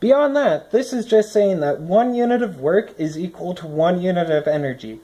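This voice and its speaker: At a normal pace and with a warm, mid-range voice, a person reads out a scripted lesson and explains it with think-aloud comments. They recorded it indoors on a phone set above their desk.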